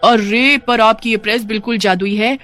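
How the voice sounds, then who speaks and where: A woman voicing a nosy, chatty village woman who loudly teases in a cartoon story. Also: on the high side, steady tone, moderate pace, faint music behind, close to an everyday voice. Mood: teasing. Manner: loud, teasing.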